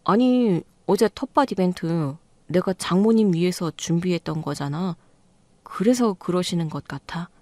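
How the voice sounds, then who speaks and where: A woman's voice: fairly low pitch, moderate pace, darkish tone, no room sound, close to an everyday voice. A woman voicing a clueless, defensive husband. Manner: defensive, pleading. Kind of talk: storytelling radio reading.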